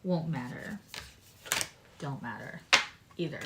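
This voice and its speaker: A woman's voice: sits low, animated, heavy background noise. A woman giving a casual live tarot reading in a meandering way, her speech slightly impeded by a swollen tongue. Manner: unhurried, meandering, drifting between card readings and asides. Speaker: live-stream tarot reader.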